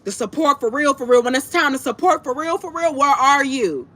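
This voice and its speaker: A woman's voice: high voice, expressive, a little fast, bright, forceful tone. A woman chatting casually to her livestream viewers while eating, speaking bluntly in emphatic, repetitive, profane slang. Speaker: livestream host talking to viewers. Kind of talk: casual, impassioned monologue to viewers. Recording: clear background noise.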